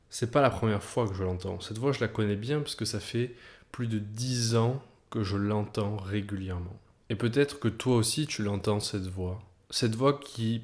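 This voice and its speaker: A man's voice: on the low side, a little mellow. A man speaking straight to the viewer in a motivational storytelling monologue, addressing them directly and building tension through repetition. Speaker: video creator.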